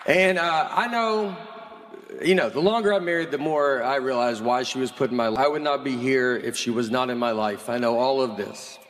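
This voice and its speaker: A man in his forties from the American South, doing a stand-up routine in a deadpan, slow, bemused storytelling manner. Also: mid-range voice, a faint crowd, slight background noise. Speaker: stand-up comedian. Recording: live theater with audience laughter.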